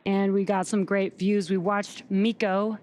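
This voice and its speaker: A woman's voice: mid-range voice, level tone, a little slow, darkish tone, a little hiss or hum. A woman hosting a live launch webcast, explaining technical terms plainly as she commentates.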